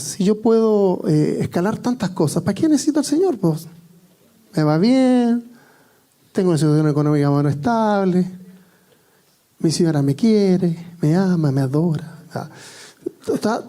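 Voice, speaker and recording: A man's voice: high voice, dark tone. A man with a Chilean accent preaching a sermon, telling personal stories in a joking, conversational way.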